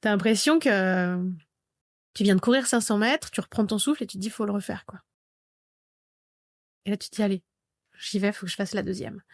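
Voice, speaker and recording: A woman in her thirties recounts a personal experience as a podcast guest, with a mid-pitched voice. She tells it vividly and acts out the remembered dialogue. The recording is dry and close, with no room echo. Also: brisk, long pauses. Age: 30s. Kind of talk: personal storytelling in a podcast interview.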